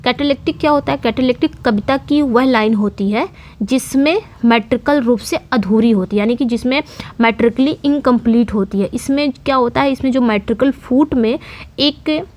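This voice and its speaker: A woman's voice: on the high side, moderate pace, a little mellow. A woman teaching English literature terms in an online lecture, repeating key points and answering her own questions. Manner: explanatory, repetitive, asks and answers own questions.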